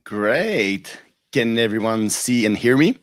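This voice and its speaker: A man's voice: fairly low pitch, normal speed, dry recording. A man with a French Canadian accent giving a live online talk, his voice a little shaky from a cold, telling a story earnestly with fillers and restarts. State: recovering from a cold, voice a bit shaky. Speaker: guest speaker.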